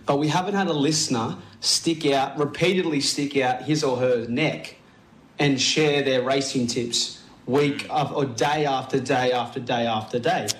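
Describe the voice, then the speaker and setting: A man's voice: medium pitch, fairly even intonation, measured pace. An Australian man talks earnestly in casual radio banter, repeating and restarting his phrases. His voice comes through Bluetooth earbuds from his living room, so it sounds boxy and underwater. A roomy echo and a faint noise sit under every word. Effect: Bluetooth earbud mic, sounds underwater. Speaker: radio co-host. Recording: echoey, muffled earbud line with faint noise.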